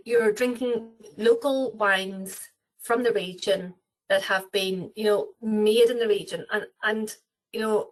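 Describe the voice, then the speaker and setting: In a webinar interview, a travel company representative with an Irish accent talks about cruises, rambling with lots of fillers and restarts. Her voice is medium in pitch, and the recording is rough.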